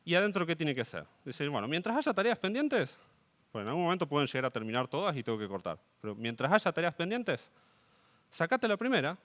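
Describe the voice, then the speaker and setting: A man's voice: fairly high pitch, very animated, fairly quick, fairly bright tone. A young man with an Argentine Spanish accent giving a live coding talk, checking in with his audience often. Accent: Rioplatense Spanish. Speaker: conference speaker.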